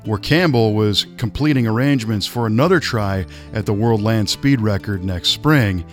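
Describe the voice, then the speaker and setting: A man reading a nonfiction story aloud in a measured, dramatic way. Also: on the low side, soft background music. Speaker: narrator. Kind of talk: scripted nonfiction narration.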